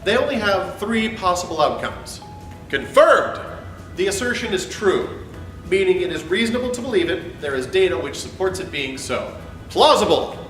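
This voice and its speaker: A host reads his own argumentative essay as a dramatic performance, theatrical, emphatic, and sarcastic. His voice sits high with a sing-song lilt, a fairly bright tone, and normal speed. The mic is distant, giving a roomy, off-mic sound, with background music behind him.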